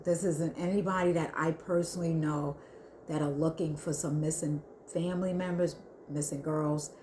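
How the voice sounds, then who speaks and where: A woman giving an earnest spiritual reading to her viewers, talking haltingly with many restarts. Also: deep voice, steady tone, dark tone, slight background noise. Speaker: spiritual reader. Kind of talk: intuitive spiritual reading to camera.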